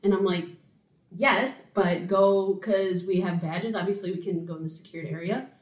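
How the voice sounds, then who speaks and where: A woman's voice: medium pitch, fairly even intonation, moderate pace. A young woman in casual chat as podcast co-host, telling stories in a matter-of-fact way. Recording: echoey room.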